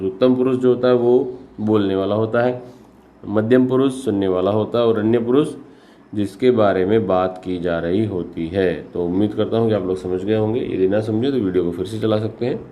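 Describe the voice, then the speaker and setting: Male teacher, low warm voice, patient explainer for a grammar lesson. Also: slight background noise. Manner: patient, explains each point with examples; speaks with repetitions and self-corrections. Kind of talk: classroom-style grammar lesson.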